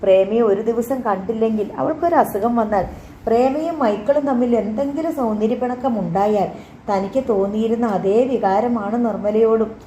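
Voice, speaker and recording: A woman narrating a novel as an audiobook reader, in calm, measured storytelling. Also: on the high side, slight background noise. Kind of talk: scripted narration. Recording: roomy, slightly dull recording.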